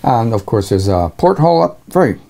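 A middle-aged man with a mellow, dark voice leads a boat tour interview from inside a sailboat cabin. He keeps it conversational, prompting his guest and completing her sentences. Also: mid-range voice, sing-song, brisk, creaky. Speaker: sailing show host.

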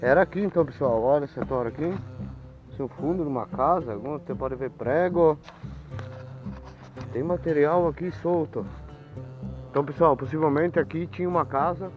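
A man's voice: fairly high pitch, moderate pace, long pauses, faint music behind. A middle-aged Brazilian man talking casually to viewers as he explores outdoors, making informal remarks while looking around. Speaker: vlogger. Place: outdoors in overgrown woodland. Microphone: handheld camera at arm's length. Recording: dull lo-fi outdoor camera sound.

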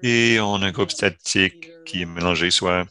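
A man giving live voice-over interpretation of a panel discussion, halting at times and correcting himself. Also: low-pitched, steady tone, bright, forceful tone. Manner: halting, with self-corrections and fillers.

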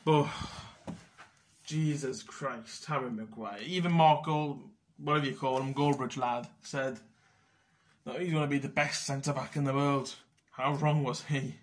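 A young man vents about football in a loose, casual monologue. He is blunt and sweary, grumbling through his complaints in an ordinary mid-pitched voice. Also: fairly even intonation, a little slow, a little hiss or hum. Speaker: football fan vlogger.

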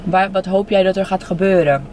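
A woman's voice: medium pitch, a little fast, darkish tone. Young woman chatting while eating, noisy car. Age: young adult. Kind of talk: casual chat with a child while eating. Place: inside a parked car. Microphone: camera on the dashboard. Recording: clear background noise inside car.

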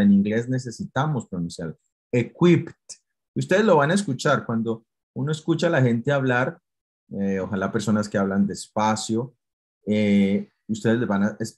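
A man's voice: fairly low pitch, darkish tone, breathy edge. Patient Spanish-speaking male English teacher. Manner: patient, explains step by step with many fillers. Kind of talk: online class explaining English grammar.

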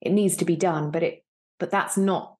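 A woman in her thirties speaks in a lowish, slightly mellow voice, with fairly even intonation and a moderate pace. She's a guest actor being interviewed over a video call from an indoor room, sounding reflective and earnest.

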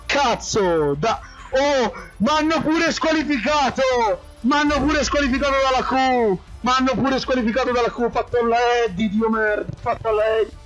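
A hoarse man in sim racing voice chat after a race, euphoric, shouting and swearing, repeating the same phrases. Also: extremely high pitch, normal speed, faint music behind, rough recording.

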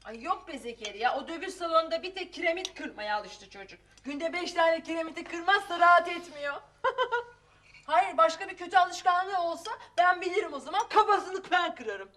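A sharp-tongued, high-voiced mother. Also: animated, normal speed. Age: middle-aged. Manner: scolding, sharp-tongued, flares into shouting. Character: Safiye, fiery middle-aged mother and wife. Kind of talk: TV comedy-drama acting.

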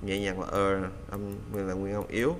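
A man with a lowish voice gives a casual pronunciation lesson. He repeats English model sentences slowly after a recording and fills the gaps with easy chatter. A faint hiss sits under the recording. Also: level tone.

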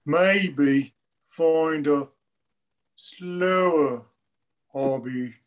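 A man voicing a deliberate snail life coach in improvised puppet comedy, with drawn-out, halting speech. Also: on the high side. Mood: ponderous.

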